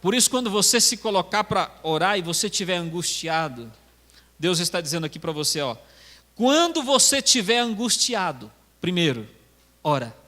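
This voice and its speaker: A man's voice: a little high, fairly quick, bright, forceful tone, in a large hall. A Brazilian man preaching a sermon as pastor, emphatic and repetitive, telling stories to his church.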